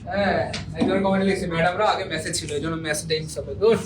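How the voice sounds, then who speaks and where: A man's voice: fairly high pitch, fairly even intonation, brisk, background noise. A male teacher, leading an exam-prep grammar class and quizzing students with repeated questions and jokes.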